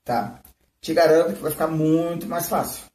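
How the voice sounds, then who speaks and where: A male flute teacher leads a live-streamed music lesson, explaining technique and often checking in with "né?" and "tá?". His mellow voice sits on the high side at normal speed, with slight background noise, in a roomy, distant recording.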